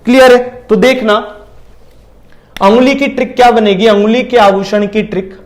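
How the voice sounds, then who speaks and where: A male teacher giving an exam-prep lecture, asking questions and answering them himself, and often checking whether it is clear. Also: high-pitched, fairly even intonation, moderate pace. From India.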